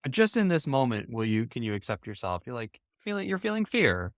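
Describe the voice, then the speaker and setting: Middle-aged male coach, mid-pitched, dry close sound, probing and searching. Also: sing-song, brisk, no room sound. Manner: probing, uses many fillers and restarts. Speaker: coach and podcast co-host. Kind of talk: coaching conversation.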